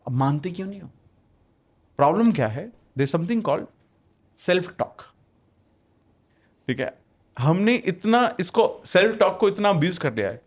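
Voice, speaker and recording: A man's voice: sits high, very animated, unhurried, pauses often, slightly rough. A man talking as a podcast guest in casual conversation, emphatic and repeating phrases for stress, often switching into English. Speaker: podcast guest, manifestation author.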